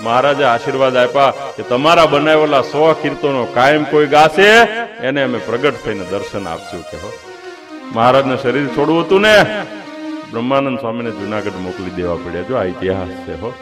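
A man's voice: mid-range voice, expressive, fairly quick. A man preaching a sermon, telling a devotional story dramatically and voicing the people in it. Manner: dramatic, voices characters in the story. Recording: clear music behind.

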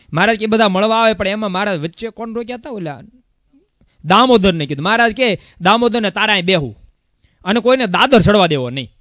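A man's voice: high-pitched, dry recording, clean studio sound. A man, a sadhu giving a sermon with a story and acting out the dialogue of its people. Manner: animated storyteller, acts out dialogue. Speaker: sadhu preacher.

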